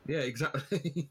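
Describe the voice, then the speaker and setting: A man's voice: medium pitch, bright, forceful tone, breathy edge. A man guesting on a podcast, reacting with short remarks and laughs in casual chat. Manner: short reactions, chuckles along.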